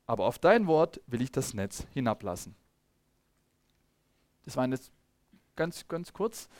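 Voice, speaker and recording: A man preaching a sermon in a lively, conversational way, calling out to the congregation and sometimes searching his notes. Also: mid-range voice, a little slow, dry recording. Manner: lively, calls on congregation, loses track of notes.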